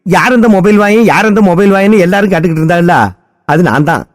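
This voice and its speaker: A man's voice: high-pitched, quick pace. A man with a Tirunelveli Tamil accent, chatting in a folksy, storytelling way in a scripted radio ad. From Tirunelveli, Tamil Nadu. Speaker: radio ad character, Mobile Vaayan.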